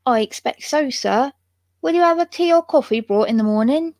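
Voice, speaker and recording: A courteous young inn maid with an attempted West Country accent, soft-spoken and deferential, as a woman reader puts her on. The voice is lifted well above the reader's own, with a dry, close sound. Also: sits high, animated, normal speed, dry recording, voice pushed up. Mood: polite. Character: young female inn maid, polite and quiet.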